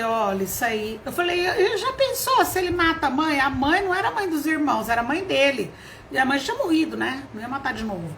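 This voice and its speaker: Middle-aged woman, Brazilian accent, casual sermon, high voice, faint hiss behind. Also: fairly bright tone. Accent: Brazilian Portuguese. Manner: chatty storytelling, acts out quoted voices, laughs often. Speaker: preacher. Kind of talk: informal sermon.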